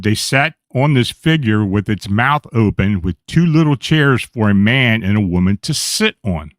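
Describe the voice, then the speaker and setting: Male radio host reading strange tales aloud, even storytelling delivery, dead-dry mic. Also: medium pitch, dry recording. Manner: steady reading with small slips and self-corrections. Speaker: radio show host reading paranormal accounts.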